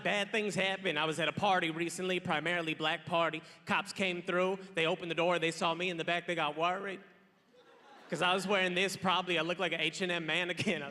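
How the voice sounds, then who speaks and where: A man doing a stand-up comedy set, telling a story with a deadpan delivery and acting out the other people in it. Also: high voice, a little hiss or hum. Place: large theater stage.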